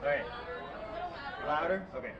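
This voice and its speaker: A man's voice: fairly high pitch, lively intonation, normal speed, a crowd in the background. A man from New York City giving a casual live talk, loose and self-deprecating, leaning on his notes. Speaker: guest speaker. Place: live event venue. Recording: dull, distant, echoey, noisy hall.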